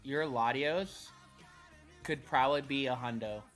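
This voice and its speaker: A man chatting casually on a game stream, easygoing and quick to laugh. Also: medium pitch, a bit bright, soft background music.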